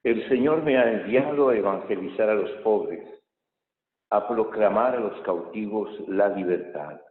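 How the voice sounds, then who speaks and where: A man as a priest reading the Gospel at Mass and giving a homily in a measured way, pausing to think, with a cathedral echo around him. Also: fairly low pitch. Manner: measured reading, thoughtful homily with pauses and fillers. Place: large church. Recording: echoey church hall, tinny phone-like sound.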